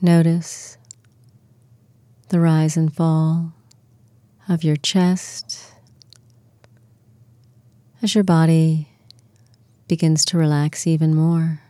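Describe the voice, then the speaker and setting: A woman guides listeners into relaxation, her low, mellow voice delivering gentle instructions slowly and flatly. Miked up close, the recording is completely dry, without any room ambience.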